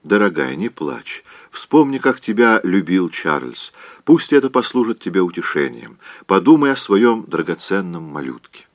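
A man voicing a kind, gentle young woman who softly consoles, in an audiobook reading. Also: deep voice, very animated, normal speed, few pauses, dry recording. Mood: gentle consoling. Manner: soft, consoling.

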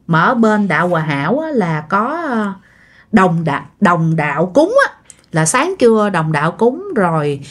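A woman with a Southern Vietnamese accent telling a ghost story casually, talking straight to her listeners with plenty of fillers. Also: medium pitch. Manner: chatty, addresses listeners, many fillers.

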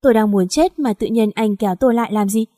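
A heartbroken young woman in despair, as a woman reads her in a storybook, tearful and pleading. The tone is mellow and dark. A long hall reverb hangs behind the voice. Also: on the high side, fast talker, clean studio sound, lightly acted. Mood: weary.

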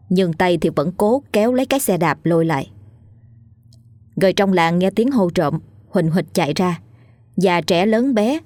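A woman's voice: lowish voice, darkish tone, dry recording. A woman narrating a ghost story in a vivid, colloquial storytelling manner. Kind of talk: scripted horror story reading.

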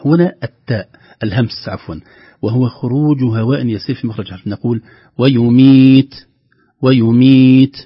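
A man teaches the finer points of Quran recitation in a husky voice. He explains each rule, then slowly chants the example words. The sound is dry, close and a little dull. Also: mid-range voice, no echo. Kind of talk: tajweed lesson with recited examples.

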